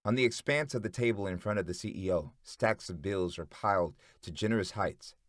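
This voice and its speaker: A man narrating an audiobook chapter in a steady, dramatic storytelling manner. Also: lowish voice, a little fast, no room sound, studio quality.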